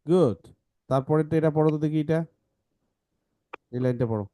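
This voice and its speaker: A man leads a children's English reading class, patient and coaxing as he asks pupils to read lines and split words into syllables. His voice sits low and mellow. The sound is dry, with no room echo. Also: fairly quick. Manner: patient, coaxing, mixes English phrases into speech. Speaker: teacher.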